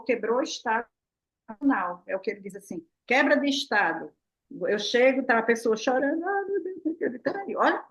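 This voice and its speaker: An older woman speaking as a therapist, in a casual, playful talk, often asking herself questions. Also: on the high side. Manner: lively, playful, full of "né?" and rhetorical "o quê?". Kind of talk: casual explanatory talk to a live online audience.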